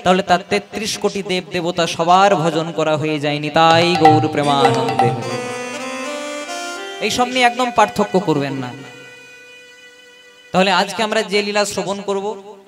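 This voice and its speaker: A high-pitched man preaches in a devotional kirtan sermon, calling his listeners mothers and fathers and putting rhetorical questions to them. Loud instrumental accompaniment plays under his voice throughout the live recording. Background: devotional instruments playing.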